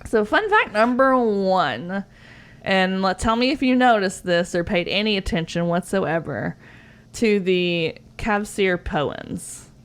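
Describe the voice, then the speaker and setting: A woman co-hosting a casual podcast, chatty and quick to giggle. She talks in an easygoing way full of little fillers, with her voice sitting in a middle pitch. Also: animated, clear, resonant tone. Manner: chatty and giggly, sharing facts with frequent "like" fillers. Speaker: podcast co-host.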